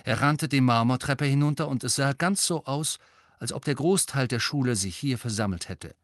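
A man narrating an audiobook in a steady, even storytelling manner. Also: medium pitch, normal speed, no echo, clean studio sound. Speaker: audiobook reader. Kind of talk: scripted narration.

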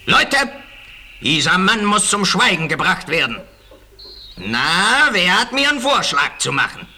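An actor playing a scheming, ruthless bandit leader in a radio play, sly and menacing, snapping out orders. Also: male voice, lowish voice, expressive, measured pace, pushed and bright, a little hiss or hum, exaggerated voice. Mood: commanding. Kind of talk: vintage radio play acting.

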